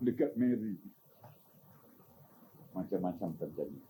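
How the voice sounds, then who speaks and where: An older man giving an informal religious talk, animated and teasing, often asking his listeners questions. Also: low voice, takes it slowly, a little hiss or hum, rough recording. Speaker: religious teacher.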